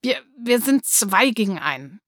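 A woman's voice: fairly high pitch, big pitch swings, a little slow, a bit bright, no echo, clean studio sound, full character voice. A woman reading an audiobook, voicing a fiery, bossy schoolgirl who talks in a challenging, impatient way.

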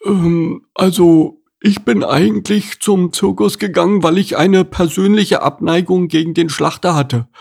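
A man's voice: high voice, a little slow, creaky, few pauses, darkish tone, husky, pitched above the performer's own voice, exaggerated voice. A man reading a storybook and voicing a hesitant male potbellied pig. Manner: hesitant, faltering.

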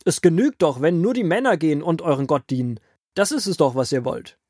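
A man voicing an angry, proud Egyptian king who gives loud orders and shouts threats in a children's Bible audio drama. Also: fairly high pitch, animated, moderate pace, no echo, clean studio sound.

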